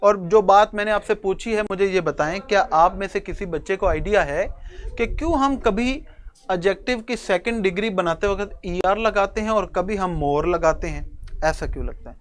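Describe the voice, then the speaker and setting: A man's voice: sits high, moderate pace. A man teaching an English grammar lesson to a class, explaining step by step and addressing his students fondly. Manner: chuckles now and then.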